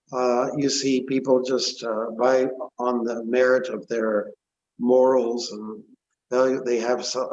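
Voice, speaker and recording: A man giving an extempore scripture lecture as a religious class teacher, with halting, deliberate phrasing. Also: mid-range voice, darkish tone. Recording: dull, echoey online call, faint noise.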